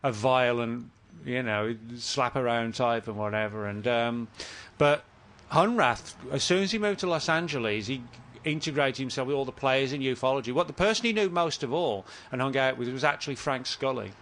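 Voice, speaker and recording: An author appears as a guest on a casual talk show podcast, telling a long, rambling story and often stopping to correct himself. His voice is medium-pitched and fairly bright, at a moderate pace with hardly any pauses.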